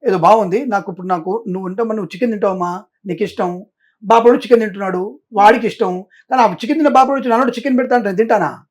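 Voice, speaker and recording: A middle-aged man answering interview questions as a Vedic astrologer. His voice sits quite high and he talks at a very fast clip. He is insistent and emphatic, hammering his points home. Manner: emphatic, insistent, repeats "I" for stress, mixes in English.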